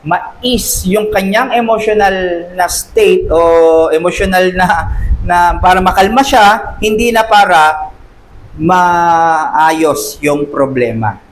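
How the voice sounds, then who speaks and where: Male Sunday school teacher, high voice, talks conversationally, tosses in quick rhetorical questions, faint background noise. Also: rough recording. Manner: acts out quoted voices. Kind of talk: church class lecture.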